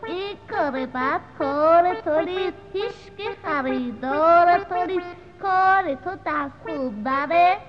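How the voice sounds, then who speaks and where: A woman's voice: very high voice, hardly any pauses. A woman voicing a bustling, motherly hen who clucks and sings in a children's story. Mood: clucking, bossy. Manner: clucking, sing-song. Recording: dull lo-fi audio with music.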